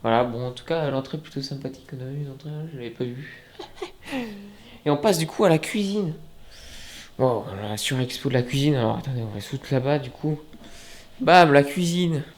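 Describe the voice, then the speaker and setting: A man's voice: medium pitch, expressive, a little fast, slight background noise. Chatty young man giving a home tour. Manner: chatty, joking, many fillers. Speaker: vlogger. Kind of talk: casual apartment tour vlog. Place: indoors and on a balcony.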